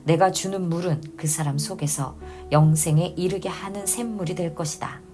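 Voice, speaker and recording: A woman reading as Jesus, a calm teacher. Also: fairly low pitch, normal speed, over music, close to an everyday voice.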